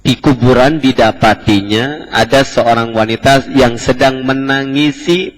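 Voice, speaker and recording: A man's voice: medium pitch, measured pace. A male preacher giving a lecture on hadith, explaining at length with casual colloquial asides. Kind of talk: Islamic study lecture. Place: mosque hall in Jakarta. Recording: echoey mosque hall.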